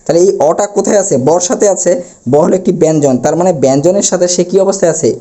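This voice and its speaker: A man's voice: high-pitched, quick pace, mellow. A male teacher from Bangladesh giving a grammar lesson at a board, asking questions and answering them himself. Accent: Bangladeshi Bengali. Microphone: camera he adjusts himself.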